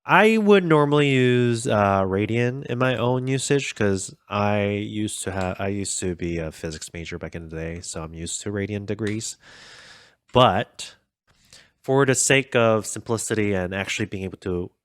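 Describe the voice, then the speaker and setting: A man's voice: fairly low pitch, moderate pace, smooth, no echo. Chatty man explaining code. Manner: chatty, self-deprecating, thinks aloud with fillers. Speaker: coding tutorial host. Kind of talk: casual code-along explanation.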